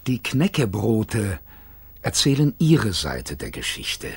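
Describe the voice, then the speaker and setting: A man reading a children's audiobook aloud in a playful, expressive storytelling manner. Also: on the low side, slow pace, slight background noise. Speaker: audiobook narrator.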